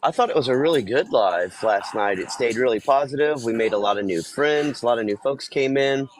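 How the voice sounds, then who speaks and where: A man's voice: mid-range voice, animated, a little fast, a little hiss or hum, rough recording. A man co-hosting a casual live conversation, plainspoken and reflective, explaining things through everyday examples. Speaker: co-host of a live online talk show.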